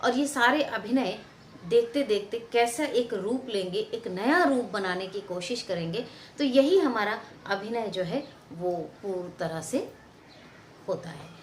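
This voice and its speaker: A woman's voice: medium pitch, a little slow, roomy sound, slight background noise. A woman who works as a theatre and film actor gives a lecture on acting. She acts out sample lines and repeats phrases for emphasis. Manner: expressive, acts out example lines and stresses.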